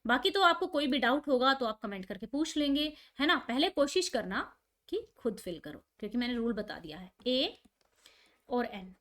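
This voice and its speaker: High-voiced woman teaching a class. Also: big pitch swings, normal speed, a bit bright. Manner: explains step by step, asks and answers own questions. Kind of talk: online class lesson.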